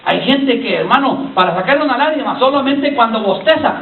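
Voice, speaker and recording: A man's voice: very high-pitched, animated, a little fast. A male pastor preaches a sermon, calling on the congregation to repeat his lines and addressing them as brother. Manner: keeps addressing listeners as brother. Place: church hall. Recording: echoey far-off church recording over a lo-fi line.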